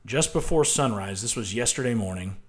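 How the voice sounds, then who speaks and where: Male host, political commentary monologue; combative, emphatic, lowish voice. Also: expressive, brisk. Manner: emphatic, combative, repeats "right?".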